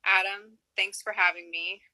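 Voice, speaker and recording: A woman's voice: mid-range voice, flat delivery, moderate pace, a crowd in the background, low-quality recording. A woman chatting casually on a live video call as a guest, laughing often and talking with lots of fillers.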